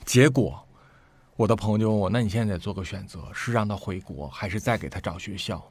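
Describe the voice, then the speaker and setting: Male storyteller, low voice, lively and emphatic, plays out the dialogue himself. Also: a little fast, husky. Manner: animated, acts out quoted speech with sharp rises. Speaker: storyteller guest. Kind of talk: casual conversational storytelling.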